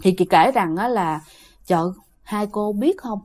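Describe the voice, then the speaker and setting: A woman's voice: medium pitch, expressive, unhurried, a little mellow. A woman narrating a ghost story in a chatty way, speaking straight to her listeners. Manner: chatty, talks to listeners directly.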